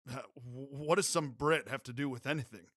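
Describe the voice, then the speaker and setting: A man voicing a young cowboy in a storybook reading, talking softly and teasing a little. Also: medium pitch, fairly even intonation, normal speed, no echo, clean studio sound, pitched above the performer's own voice, lightly acted. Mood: moved.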